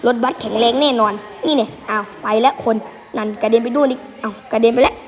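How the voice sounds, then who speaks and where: A hoarse male gaming host giving excitable, rambling gameplay commentary and repeating words in quick bursts. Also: extremely high pitch. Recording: reverberant room with game music. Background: game music.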